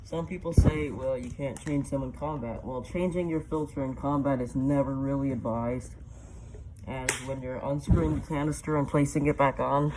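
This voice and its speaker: A man's voice: mid-range voice, darkish tone. A man giving a casual product review, his voice muffled because he is talking through a gas mask. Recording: clear background noise, muffled by mask.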